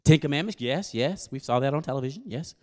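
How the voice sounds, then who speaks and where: A man preaching a sermon, quizzing his congregation and building up to loud exhortation. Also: on the high side, fast. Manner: call-and-response with the congregation; animated, rising to loud exhortation. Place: church service.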